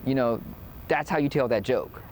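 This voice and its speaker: A man's voice: mid-range voice, moderate pace, a little mellow, poor audio. Cajun accent man talking casually in an interview, stops to think, faint outdoor noise. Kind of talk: casual interview and joke telling.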